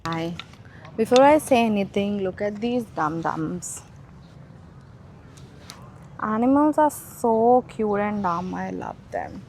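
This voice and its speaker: A young woman with an Indian accent, chatting casually in a vlog, telling stories in an animated, self-mocking way. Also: mid-range voice, takes it slowly, pauses often, a little hiss or hum. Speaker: vlogger.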